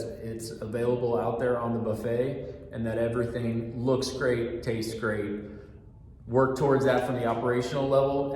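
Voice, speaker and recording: A middle-aged man, a restaurant manager, giving a staff orientation talk through a mask in a steady, fairly monotone, earnest way. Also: mid-range voice, a little hiss or hum. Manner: talks through a mask, patient and repetitive. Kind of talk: training talk. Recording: very echoey room with long reverb.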